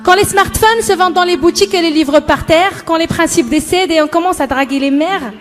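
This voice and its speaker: Extremely high-pitched and a little fast, a young woman from Morocco delivers spoken-word poetry. The student poet sounds impassioned, emphatic, and rhythmic, accompanied by background music.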